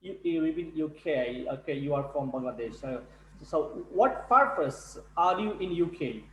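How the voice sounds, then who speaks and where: A male tutor running an online speaking class, halting and repeating words. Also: on the high side, expressive, echoey room, slight background noise, low-quality recording. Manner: halting, repeats words, non-native English. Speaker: English test tutor. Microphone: video call.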